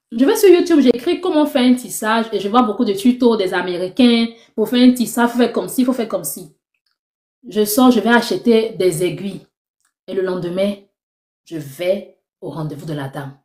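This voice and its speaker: A young woman giving a lively personal faith testimony, acting out the conversations she tells. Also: on the high side. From Ivory Coast. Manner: animated storytelling, acting out dialogue. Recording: roomy echo.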